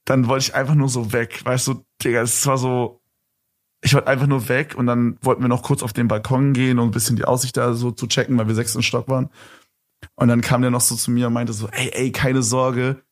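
A young man, a podcast host, spinning a story in a loose, rambling way, stuffed with slang and fillers. His voice sits at an ordinary pitch. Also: level tone, fairly quick. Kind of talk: casual storytelling chat.

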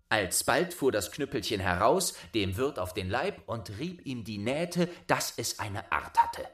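A man with a lowish voice reads a fairy tale aloud. He takes his time, and his pitch rises and falls in lively, animated arcs. The telling is deliberate and expressive. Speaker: storyteller.

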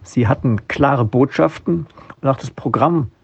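Gravelly male newsroom chief. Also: medium pitch, dry recording, dull audio. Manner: confident, measured, analytical. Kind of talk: political news preview.

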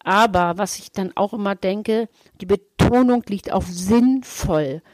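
A woman's voice: mid-range voice, unhurried, dry recording. A woman therapist co-hosting a casual talk podcast, explaining with lots of rhetorical questions. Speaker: therapist and co-host.

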